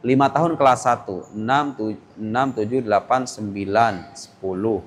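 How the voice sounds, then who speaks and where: A young man teaching a religious lesson to boarding school students in a mosque, talking directly to them and acting out parents and children in quick little voices. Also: lowish voice, long reverb tail.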